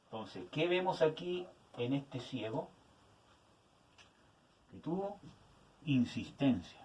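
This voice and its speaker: A man's voice: medium pitch, big pitch swings, slow pace, darkish tone, a little hiss or hum. A man teaching a Bible study to young people, often checking in with his listeners and searching aloud for words as he goes. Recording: voice from some distance to the mic.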